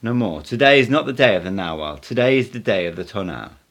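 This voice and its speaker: In an audiobook, a man voices a playful, cryptic male mystic teacher who makes emphatic, assured and instructive declarations. His fairly low voice is expressive and fairly bright, and he talks fast.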